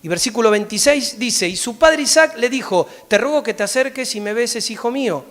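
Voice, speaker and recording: A man with an Argentine accent preaching a sermon and reading Bible verses aloud, often checking in with a quick "¿sí?". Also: very high voice. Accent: Argentine Spanish. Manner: animated, often checks in with a rising "¿sí?". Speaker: pastor. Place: church.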